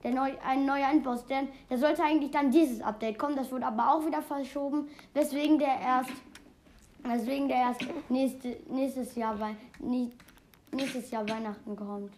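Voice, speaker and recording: High pitched girl rambling through her game, lots of excited yelps, slight background hiss. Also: normal speed. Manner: excitable, chatty, keeps exclaiming. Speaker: game player. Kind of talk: casual gameplay commentary.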